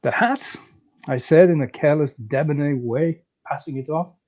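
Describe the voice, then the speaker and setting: A man's voice: fairly high pitch, moderate pace, mellow. A man reading a comic story aloud in a breezy, chatty first-person manner. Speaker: story reader. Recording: slightly dull lo-fi recording.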